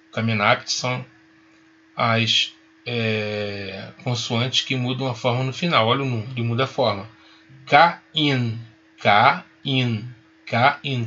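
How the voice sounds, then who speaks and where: A man teaching a Hebrew lesson, patient and reassuring, spelling out each sound slowly. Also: medium pitch, bright, forceful tone, husky, dull audio. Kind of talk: recorded online lesson.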